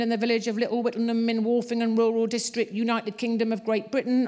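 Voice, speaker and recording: A woman voicing a thin male court official who reads a formal proclamation in a monotone. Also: on the high side, voice pushed up, close to an everyday voice. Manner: droning monotone.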